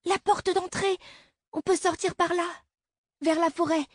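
A woman voicing a desperate six-year-old girl who pleads in high shrill cries. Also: steady tone, measured pace, no room sound, studio quality. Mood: pleading.

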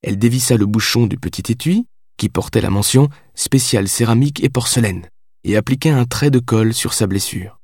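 Man, low voice, audiobook narration, measured, dry close mic. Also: a little mellow, dry recording. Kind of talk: scripted narration.

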